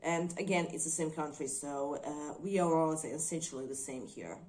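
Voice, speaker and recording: A woman from Croatia, reviewing movies on her channel in a thoughtful, hesitant way with frequent pauses. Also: deep voice, a little mellow. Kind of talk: unscripted video commentary.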